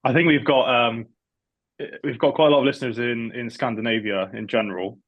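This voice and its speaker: A man's voice: medium pitch, steady tone, fairly quick, dry recording, highs cut off. A man in a band, talking casually over a video call that sometimes cuts out, often repeating words as he starts a sentence. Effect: heard over a video call that cuts out. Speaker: band member. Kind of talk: casual interview chat.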